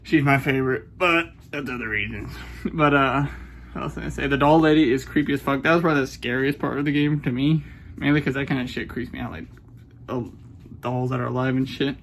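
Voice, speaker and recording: A man's voice: mid-range voice, steady tone, a little fast, fairly bright tone, a little hiss or hum. Rambling, cursing man in his twenties. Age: 20s. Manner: rambling, profane, self-conscious. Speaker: game reviewer. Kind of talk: casual game review monologue.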